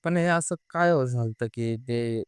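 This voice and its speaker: A man interviewing a guest, asking a soft, slow question. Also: medium pitch, clean tone, no echo, studio quality.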